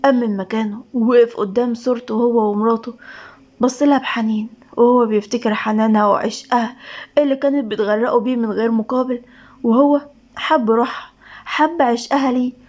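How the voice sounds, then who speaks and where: A woman's voice: fairly high pitch, steady tone, fairly quick, darkish tone, dull audio. A woman with an Egyptian accent narrating a dramatic romance story with emotive reading. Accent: Egyptian Arabic.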